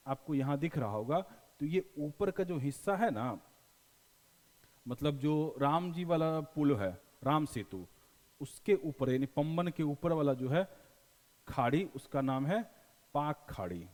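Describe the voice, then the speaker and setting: A man's voice: a little high, expressive, measured pace, a little mellow, in a large hall. A male teacher with a Bihari accent, giving a classroom lecture in a folksy style, asking questions and then answering them himself. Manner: explains with repeated questions and answers; folksy, mixes in local dialect.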